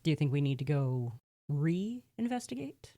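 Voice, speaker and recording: A woman's voice: low-pitched, sing-song, measured pace, warm tone. A woman playing a tabletop game, chatting playfully and laughing often. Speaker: player. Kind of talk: tabletop role-play chat.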